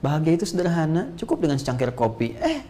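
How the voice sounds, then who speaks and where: A man with an Indonesian accent giving a motivational religious lecture, animated and emphatic, with playful asides. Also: a little high, fast. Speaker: preacher.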